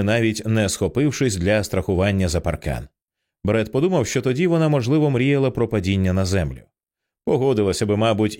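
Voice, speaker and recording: A man narrating an audiobook in an expressive, tense storytelling style. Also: lowish voice.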